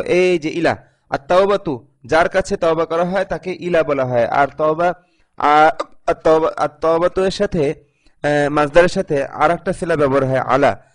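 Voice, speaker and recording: A man giving a recorded Arabic grammar lesson, reading example sentences, translating and explaining them step by step, sometimes correcting himself. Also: fairly high pitch. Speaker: Arabic teacher.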